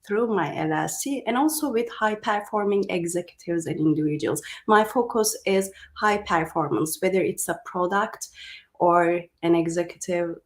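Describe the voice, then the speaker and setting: A woman's voice: fairly low pitch, moderate pace. A woman in her thirties from Turkey, a coach speaking as a podcast guest in casual talk, articulate and often using "like". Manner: articulate, uses "like" as filler. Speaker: guest, high performance coach.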